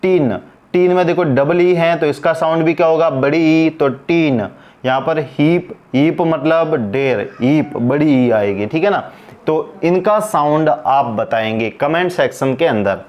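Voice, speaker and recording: A man's voice: on the high side, measured pace, muffled recording. A man teaching an English pronunciation lesson, asking questions and answering them himself as he repeats each word.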